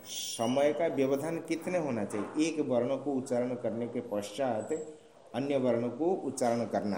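A man gives a classroom lecture, explaining slowly and patiently in a warm, dark voice. He keeps checking that his students follow along. The recording has a roomy echo from the hall around him. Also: mid-range voice, a little hiss or hum. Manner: slow, patient explaining with frequent checking questions. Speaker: teacher. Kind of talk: classroom lecture on Sanskrit grammar. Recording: roomy echoing room sound.

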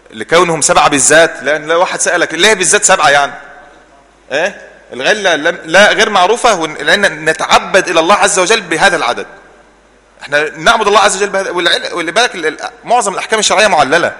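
A man with an Egyptian Arabic accent teaching a religious class. He keeps asking leading questions and answers them himself, and he repeats key words slowly so the class remembers them. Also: on the high side, sharp tone, big-room sound. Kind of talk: classroom Islamic jurisprudence lesson.

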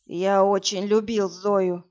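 A woman voicing a dying young man who speaks hoarsely in a slow, halting whisper. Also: mid-range voice, little pitch movement, darkish tone, natural voice. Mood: dying, urgent. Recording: dull lo-fi audiobook recording.

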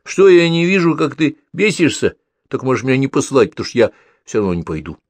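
A man's voice: mid-range voice, very animated, fast talker, dry recording, pitched above the performer's own voice. A man voicing a cheeky, defiant little boy in an audiobook reading, mocking and taunting.

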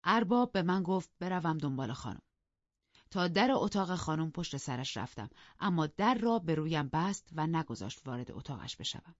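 Woman reading an audiobook, deep for a woman, even steady telling, dull dry lo-fi recording. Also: dry recording. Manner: measured, storytelling delivery. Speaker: audiobook narrator. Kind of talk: scripted narration.

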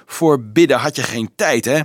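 A man voicing a scornful older monk who accuses in a sneering, drawn-out tone, as read from a storybook. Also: mid-range voice, no echo, studio quality, lightly acted.

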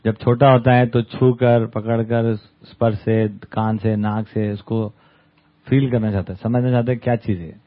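A man's voice: on the low side, little pitch movement, normal speed. A man giving a conversational talk to a study group, often checking in with little tag questions. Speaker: camp speaker. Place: camp hall with an audience. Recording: tinny phone-like sound.

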